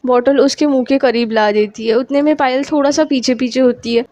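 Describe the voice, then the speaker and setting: A woman's voice: high-pitched, steady tone, brisk, darkish tone, no echo. A woman narrating a romantic story in a casual, conversational way, with fillers.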